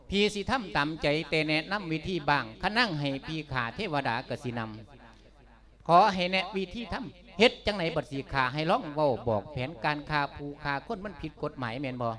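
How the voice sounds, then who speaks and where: A man, a monk preacher with an Isan accent, telling a dharma tale in lively dialogue with a partner. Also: a little high, brisk. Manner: animated storytelling, bantering with partner. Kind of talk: Isan sermon drama with dialogue.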